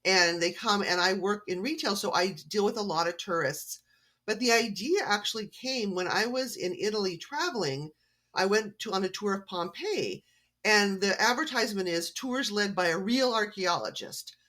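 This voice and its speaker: A woman's voice: medium pitch, expressive, moderate pace, fairly bright tone. A woman from Canada, an author being interviewed on a podcast, chatting in a friendly, storytelling way. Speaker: author guest. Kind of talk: casual interview chat.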